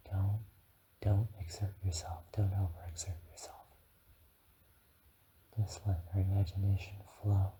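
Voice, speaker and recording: In a whispered ASMR guided meditation, a man voices a gentle, encouraging dragon guide, speaking soothingly and haltingly. His pitch is low. The recording is rough, with a little hiss or hum.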